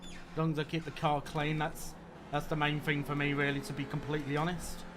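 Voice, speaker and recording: A man talks casually through his sim racing session. His voice sits slightly high and he muses with some hesitation. Faint car noise from the game runs behind him. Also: level tone, a little fast. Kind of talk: casual gameplay commentary. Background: racing game car sounds.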